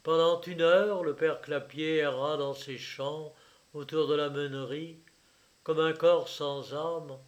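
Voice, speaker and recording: A male narrator reads a classic novel aloud. His pace is slow and his voice sits slightly high. The delivery is dramatic and expressive. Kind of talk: audiobook reading of a novel.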